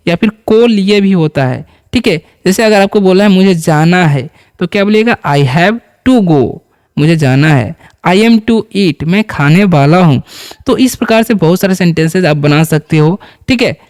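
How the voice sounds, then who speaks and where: A man's voice: high voice, a little mellow. A man teaching a beginner English lesson, patiently repeating each word and quizzing the viewer. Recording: long hall reverb.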